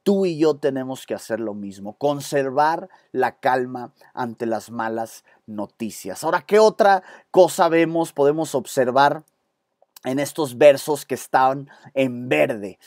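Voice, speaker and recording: A man with a Mexican Spanish accent preaching a sermon with intensity, breaking off for quick asides to his congregation. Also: mid-range voice, animated, darkish tone, no echo, studio quality. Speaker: pastor. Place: church set with stage lights.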